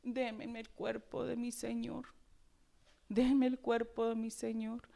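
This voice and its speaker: A woman's voice: fairly high pitch, level tone, takes it slowly, gravelly, warm tone. A woman preacher voicing a grieving woman who weeps at an empty tomb, pleading and partly whispering.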